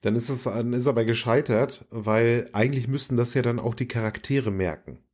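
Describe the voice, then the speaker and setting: A man's voice: medium pitch, brisk, a little mellow. A man co-hosting a podcast, chatting about an episode in an amused, emphatic way. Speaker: podcast co-host. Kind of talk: casual review chat.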